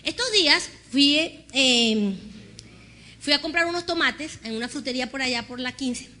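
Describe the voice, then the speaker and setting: A woman pastor preaching an animated sermon, acting out conversations and having the congregation repeat after her. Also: high-pitched, normal speed. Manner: animated storytelling, acts out dialogue with God.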